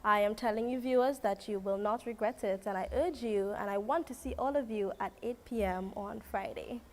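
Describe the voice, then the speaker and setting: A woman's voice: mid-range voice, a little fast, darkish tone. A woman pageant contestant making a persuasive address to viewers. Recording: faint background noise.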